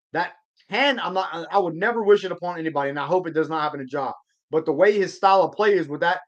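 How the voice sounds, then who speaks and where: On a live sports stream, a man from Georgia chats casually and answers viewer comments, rambling and restarting in laid-back slang. His voice sits high, and the recording is muffled.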